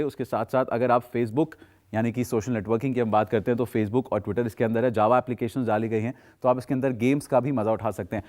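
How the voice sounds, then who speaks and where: Male TV shopping host, mid-pitched, persuasive salesman, unscripted demo with English phrases mixed in. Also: a little mellow. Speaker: teleshopping presenter. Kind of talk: unscripted product demonstration pitch.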